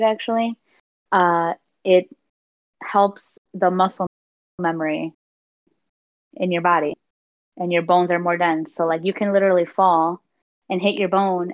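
Woman, lowish voice, casual podcast co-host, chatty explainer, lo-fi muffled sound. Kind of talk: casual chat. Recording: dull lo-fi audio.

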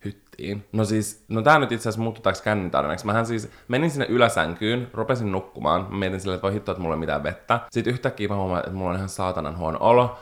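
A young man in his twenties, casually co-hosting a podcast, telling stories animatedly, with sudden high jumps in his voice when he gets excited. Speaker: podcast co-host. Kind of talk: casual chat.

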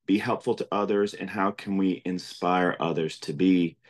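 A man's voice: low-pitched, steady tone, moderate pace. A man hosting an interview podcast, asking earnest, effusive questions with some fillers. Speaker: podcast host.

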